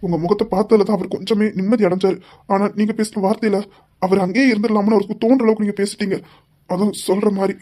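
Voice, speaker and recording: In this audio drama, a man plays a devoted young husband who talks quickly in a mellow, mid-pitched voice. He is gently reproachful and explains things at length. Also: steady tone. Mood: tender. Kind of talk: hobby audio drama acting.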